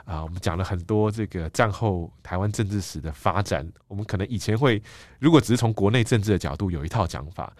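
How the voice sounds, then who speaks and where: A deep, low-pitched man with a Taiwanese Mandarin accent talks through ideas as an interview guest. He is measured and thoughtful and pads his sentences with "ah" fillers. The sound is close and dry, with no room around it. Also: a little mellow, no echo. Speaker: guest, book editor-in-chief. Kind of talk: explanatory interview talk.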